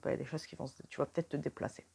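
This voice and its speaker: Low-voiced chatty French woman. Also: fairly even intonation, racing, gravelly, warm tone, breathy edge. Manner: chatty, talks straight to the viewer, many fillers; whispers questions to the cards. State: tired. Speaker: tarot reader. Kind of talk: casual card reading to camera.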